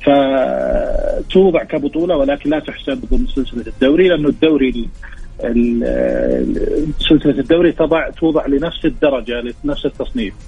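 A very husky Saudi man gives explanatory answers as an expert radio guest. He talks fast but restarts often, and the sound is dull and lo-fi. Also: medium pitch, lively intonation, faint music behind. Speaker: guest expert, sports historian. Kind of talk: explanatory interview talk.

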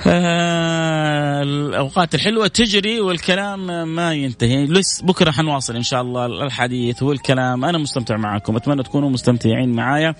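A man hosting religious radio talk, a fervent preacher who swings between high exclaiming and low solemn recitation. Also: racing, soft background music.

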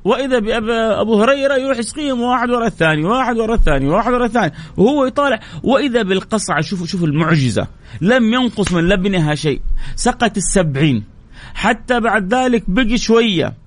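A man, hosting a religious radio show and telling stories with lively, dramatic rises in his voice. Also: high-pitched, racing. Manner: animated storyteller, voice leaps up for dramatic moments. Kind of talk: religious storytelling talk.

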